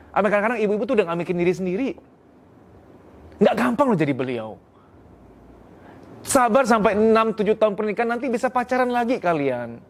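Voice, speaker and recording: Man with a higher voice giving blunt marriage advice. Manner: blunt, earnest, animated. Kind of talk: frank advice talk.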